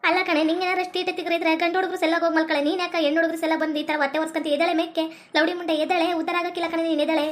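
[name], a woman doing a shrill wailing village woman. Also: flat delivery, racing, hardly any pauses, a little hiss or hum. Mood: panicked. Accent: North Karnataka Kannada. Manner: wailing, scolding, crying for help. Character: loud, dramatic village woman locked in a cell.

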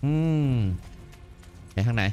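A man's voice: slow pace, warm tone, soft background music. A man giving casual gameplay commentary, thinking aloud as he plays. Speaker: let's play host.

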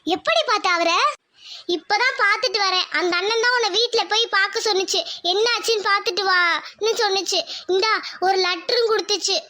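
A chirpy high village girl. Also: a little fast. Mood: earnest, coaxing. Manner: lively rural Tamil chatter, teasing. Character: young village girl, chatty helpful friend. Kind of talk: cartoon voice acting.

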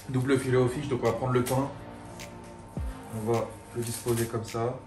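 In an echoey kitchen, a young man talks casually through some cooking. His slangy voice is mid-pitched and a little way from the mic, with music behind it. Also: little pitch movement, unhurried, far from the mic. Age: 20s. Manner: slangy, informal banlieue talk. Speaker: vlog host. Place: home kitchen. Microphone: camera a few steps away.

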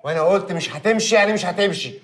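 An actor playing a firm, commanding Egyptian husband. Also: male voice, high-pitched, rapid-fire, natural voice. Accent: Egyptian Arabic. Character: stern husband asserting himself at home. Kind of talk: TV drama acting.

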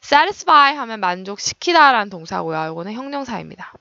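Gravelly, bright-voiced woman teacher. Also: mid-range voice, sing-song, dry recording, dull audio. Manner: explains meanings and stress, models pronunciation slowly. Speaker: English teacher. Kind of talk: online lecture explaining vocabulary.

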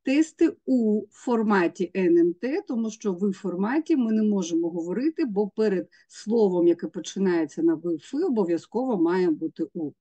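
A woman's voice: mid-range voice, animated, moderate pace, hardly any pauses, warm tone. A woman teacher, walking students through exam tasks step by step and sounding out letters. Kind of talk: exam prep lesson.

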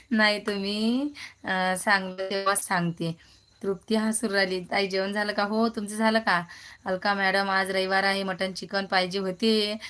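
A woman's voice: mid-range voice, a bit bright. A woman, hosting a casual phone live stream, chatting and greeting viewers by name as she reads their comments.

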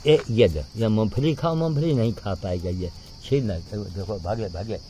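A man's voice: on the low side, normal speed, mellow, a little hiss or hum. A man talking casually outdoors while feeding monkeys, coaxing them with repeated calls. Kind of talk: casual outdoor vlog chat.

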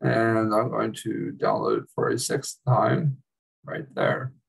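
A man giving a casual, chatty screen-recorded software tutorial as an instructor, with wry asides. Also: on the low side, big pitch swings, slow, gravelly, breathy edge, far from the mic, low-quality recording.

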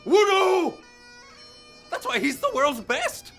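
A performer playing a goofy, excitable male rapper in a comic kids' sketch, shouting and laughing a lot. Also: extremely high pitch, takes it slowly, faint music behind, exaggerated voice. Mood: excited.

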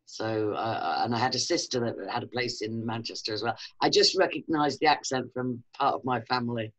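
A woman's voice: extremely low pitch, a bit bright, low-quality recording. A woman hosting an interview over a video call from home, asking curious questions and nodding along. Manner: curious, asks questions, quick short agreements. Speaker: host, interviewer. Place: room at home. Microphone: webcam on a video call.

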